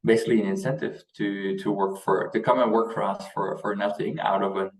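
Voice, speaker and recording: A young adult man from the Netherlands, a native Dutch speaker with a Dutch accent, answers questions conversationally as an interview guest who leads a youth organization. His voice is lowish and steady and fairly quick. The audio is poor and roomy, with him sitting far from the mic.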